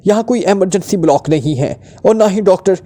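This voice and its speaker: A man's voice: sits high, expressive, brisk, mellow, pitched above the performer's own voice. A man voicing a terrified male doctor who stammers and pleads in fear. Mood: panicked pleading.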